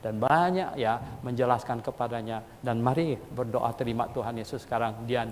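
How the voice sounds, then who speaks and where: A male pastor preaching a sermon in a colloquial, lively storytelling manner, his voice leaping high when he acts out quotes. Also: normal speed, a little hiss or hum. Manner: colloquial Jakarta-style speech with frequent "gitu". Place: church hall. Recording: long church hall reverb.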